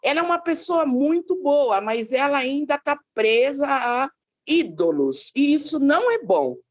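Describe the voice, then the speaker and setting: A woman from Brazil tells a personal story to her Bible class in a chatty, conversational way, often ending with tag questions. Her voice is high. It rises and falls in a lively way. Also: measured pace, muffled recording. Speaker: class participant.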